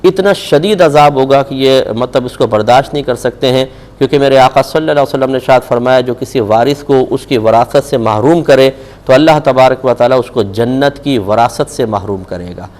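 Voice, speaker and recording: A man speaking with a Pakistani Urdu accent fields religious questions on live television, his manner firm and reproachful and his points driven home with rhetorical questions. The voice sits at medium pitch and sounds a little mellow.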